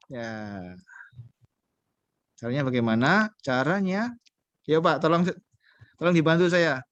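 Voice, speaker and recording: A man's voice: fairly high pitch, a bit bright, no room sound. A man teaching a beginner Arabic class online, patient and coaxing, quizzing his students as he goes.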